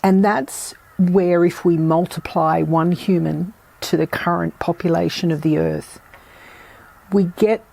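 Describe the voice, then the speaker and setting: Croaky, slow-spoken woman podcast host. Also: lowish voice, steady tone, warm tone. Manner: measured, thoughtful, with pauses and restarts. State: croaky, recovering from a virus. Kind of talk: reflective solo podcast talk.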